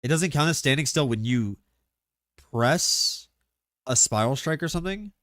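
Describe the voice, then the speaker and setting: A man streaming live, chatting casually and excitably about game mechanics, rambling with lots of filler words. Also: medium pitch, moderate pace, no room sound, clean studio sound.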